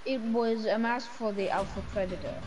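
A woman's voice: a little high, steady tone, moderate pace. A woman chatting casually as a fellow player in an online game.

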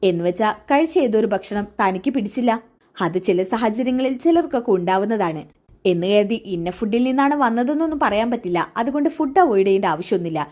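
A woman voicing a calm woman doctor who speaks slowly and reassures a patient. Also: mid-range voice, natural voice. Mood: reassuring. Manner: slow and measured.

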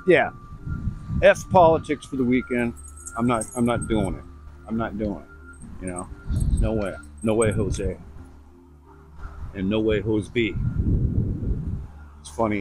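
A man's voice: lowish voice, moderate pace, long pauses, music in the background, low-quality recording. A middle-aged man rambling bluntly in a casual walk-and-talk vlog, recorded outdoors on a lapel mic. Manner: rambling, chatty, blunt asides. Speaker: vlogger. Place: outdoors on suburban streets. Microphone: lavalier mic.

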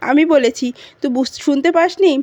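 A woman's voice: high-pitched, normal speed, darkish tone, dry recording, natural voice. A woman reading as a scolding household elder. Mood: arguing.

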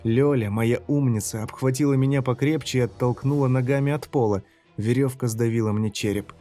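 A man narrating a first-person horror story in a measured, dramatic way. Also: medium pitch, fairly even intonation, mellow, soft background music.

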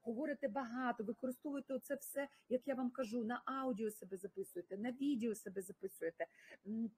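A woman's voice: a little high, fast talker, a little mellow, husky. A woman with a Ukrainian accent teaching an English lesson on a livestream, mixing both languages and praising her students by name.

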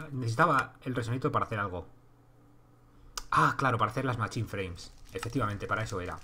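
A man with a Spain accent streams a game live, talking to himself and his chat in a loose, swearing way. His pitch rises and dips a lot as he goes. Faint keyboard clicks and typing sit under his voice. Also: a bit bright, a little hiss or hum. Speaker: livestreaming gamer. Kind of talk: casual live gameplay commentary.

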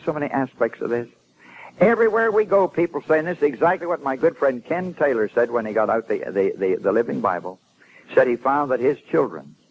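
A man's voice: medium pitch, narrow, tinny audio, a little hiss or hum. Emphatic preacher man on old tape. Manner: emphatic, with frequent stammered restarts and rising swells of emphasis. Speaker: preacher and former Bible translator. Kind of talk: informal sermon talk to a congregation.

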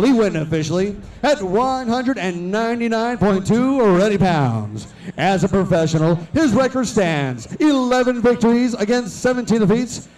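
Male fight announcer, booming and high, lucha-style stretched introductions, formal, on a distant outdoor PA. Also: a little mellow. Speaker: ring announcer. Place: outdoor arena, in a boxing ring. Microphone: handheld microphone over PA.

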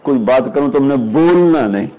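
A stern old sage, aloof and slow to answer, each reply clipped and dismissive, as a preacher puts him on. His voice sits at an ordinary pitch for a man. The line is told within a sermon. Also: lively intonation, dark tone, lightly acted, low-quality recording.

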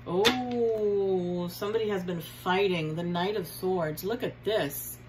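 Slow, chatty woman tarot reader. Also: mid-range voice, noisy background. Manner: chatty, affectionate, repeats signs and card names. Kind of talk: casual tarot reading to viewers.

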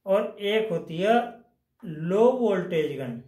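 A man's voice: high voice, lively intonation, slow pace, mellow, roomy sound. A man teaching a technical lesson at a whiteboard, explaining step by step and repeating phrases as he goes. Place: indoors at a whiteboard.

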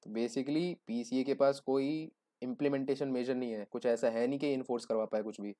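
A man's voice: medium pitch, fairly even intonation, fairly quick, mellow, no echo, studio quality. A young man giving a joking, conversational exam-prep lecture, explaining with everyday examples. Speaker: teacher.

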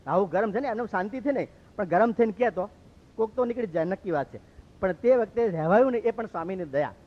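Man, monk, storytelling sermon, brisk, fairly high voice. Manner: lively, acts out quoted speech. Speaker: monk preacher. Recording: dull lo-fi recording.

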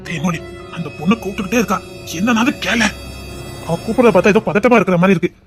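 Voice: mid-range voice, racing, faint music behind, natural voice. A performer playing a doting young husband who pleads with and sweet-talks his sulking wife, with a Tirunelveli Tamil accent. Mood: urging. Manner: pleading, sweet-talking, teasing with pet names. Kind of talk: audio drama acting.

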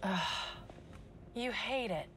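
A woman's voice: on the high side, slow pace. A young woman playing a wry, caring teenage girl in natural video game dialogue. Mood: gentle, teasing.

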